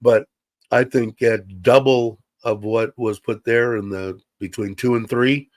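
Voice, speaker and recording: Speaking through a computer mic, this livestream host has a medium-pitched voice with fairly even intonation and a measured pace. He rambles casually and uses many fillers, sounding slightly congested, with no room sound.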